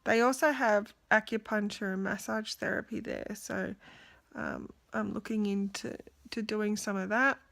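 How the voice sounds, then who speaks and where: A woman's voice: medium pitch, fairly even intonation, measured pace, vocal fry, a bit bright. A young adult woman, talking candidly and tiredly in a casual video diary, exhausted and emotional. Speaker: vlogger.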